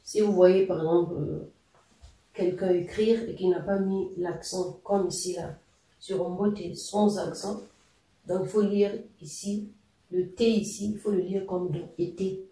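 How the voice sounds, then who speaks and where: A language teacher giving a patient, explanatory lesson, often pausing on fillers while spelling out words and examples. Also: medium pitch, fairly even intonation, mellow, far from the mic. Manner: patient, hesitant with frequent fillers. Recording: echoey room, voice a little off-mic.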